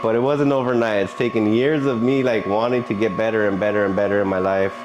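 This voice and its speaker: A man's voice: fairly low pitch, steady tone, quick pace, highs cut off, over music. A man giving earnest, encouraging talk in a motivational vlog. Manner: earnest and encouraging, with frequent laughs. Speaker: vlogger.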